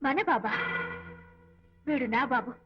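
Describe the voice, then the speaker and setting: An actress playing a young mother who forcefully defends her baby, in emotional film dialogue. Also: high voice, slow. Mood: bitter. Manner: forceful, accusing. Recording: dull film audio with music. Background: film score.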